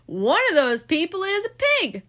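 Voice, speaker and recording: A woman's voice: high voice, very animated, moderate pace, a bit bright, pitched above the performer's own voice. Francine, a woman reading as an eager animal control officer. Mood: earnest.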